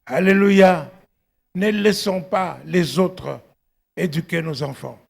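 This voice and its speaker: Slow and emphatic, a middle-aged pastor exhorts his congregation, firing exclamations and questions at them to drive home his points. His voice is fairly high, husky and gravelly; he arrived in Belgium from elsewhere at eighteen.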